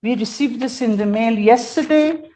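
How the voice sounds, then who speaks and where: A woman's voice: on the high side, moderate pace, warm tone, rough recording. A woman representing herself in court, pleading her case insistently and formally to the judge. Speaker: self-represented defendant. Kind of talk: courtroom argument.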